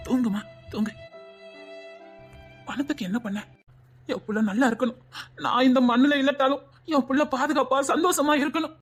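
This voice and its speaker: A sorrowful elderly father from an animated story, voiced by a woman, talks with a Tirunelveli accent and keeps circling back to the same worries. The voice sits high for an old man and has a breathy edge. Faint music plays behind him. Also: normal speed, pauses often. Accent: Tirunelveli Tamil. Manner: sorrowful, repeating himself. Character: grieving elderly father fearing for his daughter.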